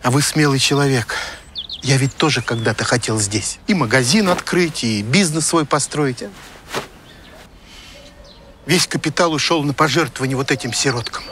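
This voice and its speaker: An actor playing a fussy, ingratiating middle-aged schemer outdoors. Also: male voice, mid-range voice, normal speed, pauses often, a bit bright, natural voice. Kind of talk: screen comedy-drama acting. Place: outdoors by a car in woods. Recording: noisy outdoor film sound.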